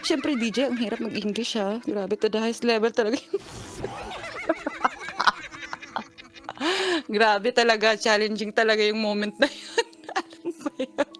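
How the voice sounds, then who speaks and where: A woman in her thirties from the Philippines, calling in to a radio show and telling her story with lively acted-out dialogue. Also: on the high side, moderate pace. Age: 30s. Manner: animated storytelling, acting out both sides of an argument. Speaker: caller. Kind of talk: phone-in confession.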